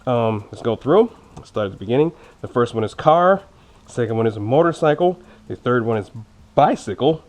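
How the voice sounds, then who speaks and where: An expressive man with a mid-range voice talks at normal speed, his braces slightly impeding his speech. He's casually unboxing and reviewing motorcycle gear for his vlog, chatty and informal, joking and teasing himself. Background noise, including clicks, is clearly audible.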